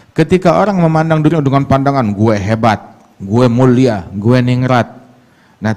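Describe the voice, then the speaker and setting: A man preaching a sermon. He talks emphatically, leaps up in pitch to mock, and slows right down to recite Arabic sayings. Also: a little mellow. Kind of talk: religious sermon.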